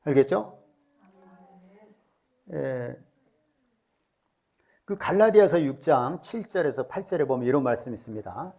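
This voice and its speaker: Emphatic preaching man, mellow voice. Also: medium pitch, expressive, unhurried, vocal fry, pauses often. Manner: emphatic preaching with rhetorical questions and dramatized quotes. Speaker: pastor. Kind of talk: sermon.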